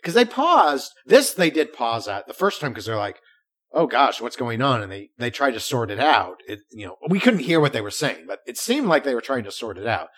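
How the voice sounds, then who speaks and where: A man co-hosting a podcast, chatting casually and telling stories in an animated way with frequent restarts. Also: mid-range voice, brisk, few pauses. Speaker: podcast co-host. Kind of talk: casual chat.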